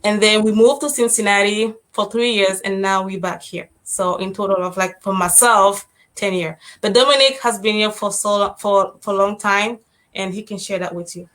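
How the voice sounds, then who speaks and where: A woman's voice: medium pitch, fairly even intonation, moderate pace, fairly bright tone, poor audio. A woman from Cameroon, a guest in a casual interview, speaking hesitantly with restarts and fillers.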